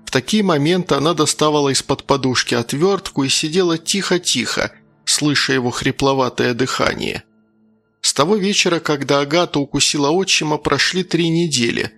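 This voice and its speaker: Gravelly male audiobook narrator. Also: on the high side. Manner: measured, dark storytelling. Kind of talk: dramatic audiobook reading.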